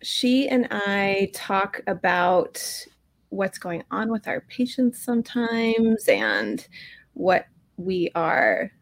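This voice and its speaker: A woman's voice: medium pitch, animated, slow pace. A woman co-hosting a podcast, talking casually and at length with fillers. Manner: chatty, warm introductions with fillers. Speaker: podcast co-host.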